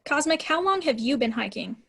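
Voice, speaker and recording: Woman, host, high voice, cheerful, brisk moderating. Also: animated, gravelly, fairly bright tone. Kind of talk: webinar moderating.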